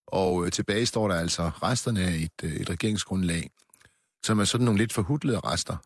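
Low, husky male commentator. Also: no echo, studio quality. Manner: measured, analytical. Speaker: political commentator. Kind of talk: panel discussion.

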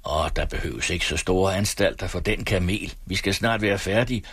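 A man's voice: low voice, slightly rough, dry recording. A man doing a sly ex-cavalryman farmhand. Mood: mocking. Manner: plain-spoken, calm and wry.

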